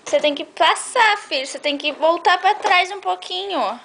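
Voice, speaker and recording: A woman, a mother coaxing and gently scolding her toddler son in a home video. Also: very high-pitched, normal speed, vocal fry. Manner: coaxing, affectionate, mildly scolding, sing-song. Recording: loud background noise on home video.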